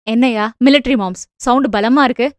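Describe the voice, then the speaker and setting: A woman's voice: on the high side, lively intonation, a little mellow, dry recording, clean studio sound, natural voice. Woman doing a cheeky young wife. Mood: playful. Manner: quick, cheeky banter.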